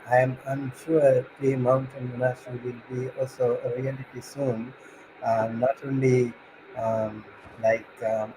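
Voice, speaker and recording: A man hosting an online Buddhist session, speaking unscripted and courteously, with very frequent hesitations. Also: medium pitch. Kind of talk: unscripted, courteous closing remarks. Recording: hissy, clearly noisy background.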